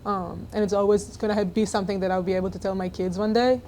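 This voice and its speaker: Woman in her twenties, from Israel, native Hebrew speaker, relaxed, filler-heavy, faint background hiss. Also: mid-range voice, quick pace. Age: 20s. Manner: relaxed, many fillers, laughs easily. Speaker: college basketball player, guest. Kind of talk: casual podcast interview.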